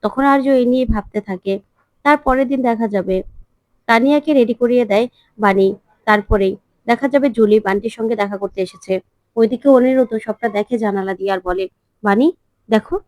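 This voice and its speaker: Woman narrator, serial episode recap, matter-of-fact, fairly high voice, dry close sound. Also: fairly quick, darkish tone, no room sound, poor audio.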